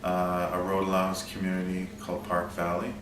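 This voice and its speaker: A man's voice: deep voice, monotone, normal speed, fairly bright tone. A man from Saskatchewan, a student leader, answering interview questions steadily. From Saskatchewan, Canada. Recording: echoey room, distant mic, noise.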